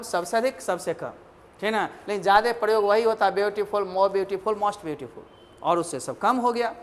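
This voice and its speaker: A man teaching English grammar, explaining step by step and teasing his students as he repeats examples. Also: high-pitched. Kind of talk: Hindi-language grammar lecture. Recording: long reverb, echoey room.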